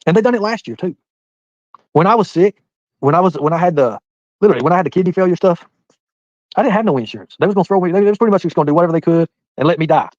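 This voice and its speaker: Fast-talking man in his forties. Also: sits high, animated, darkish tone, no echo, dull audio. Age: 40s. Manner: rambling, talks straight to viewers by name. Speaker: livestreamer reading chat. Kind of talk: casual live-stream chat.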